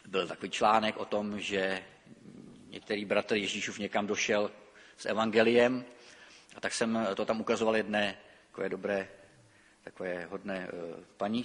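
Middle-aged preacher in a reverberant hall. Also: male voice, lowish voice. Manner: lively expressive reading, halting with fillers when speaking freely. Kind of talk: sermon with scripture reading. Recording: long reverb of a church hall.

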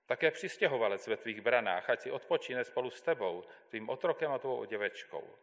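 A man's voice: medium pitch, expressive. Man reading scripture in a reverberant hall. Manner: measured, deliberate reading. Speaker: scripture reader. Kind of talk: solemn Bible reading.

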